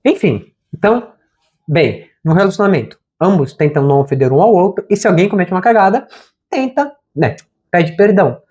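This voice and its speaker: A man's voice: sits high, animated, brisk, a little mellow. A man talks straight to the camera about faith in a loose, chatty way. He leans on slang and keeps dropping "cara" as he goes. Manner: informal and conversational, slangy, says "cara" often. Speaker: therapist and channel host. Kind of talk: casual spiritual talk to camera.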